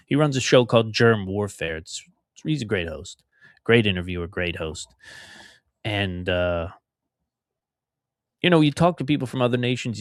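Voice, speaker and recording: This lowish male voice belongs to a middle-aged podcast host from outside Philadelphia who rambles conversationally on his solo show, hammering points through repetition. The sound is clean studio audio with no room sound.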